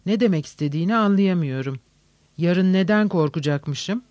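A man voicing an agitated, demanding young gentleman who presses insistently and sharply. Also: high-pitched, normal speed, no room sound, natural voice. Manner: insistent, sharp, shouting at times.

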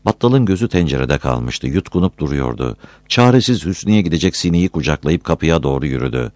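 A man with a very deep voice reads a story aloud, his pitch rising and falling freely. The sound is close and dry, with no echo. He tells the tale steadily between the characters' lines. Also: lively intonation, brisk, darkish tone. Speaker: narrator. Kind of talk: storybook reading.

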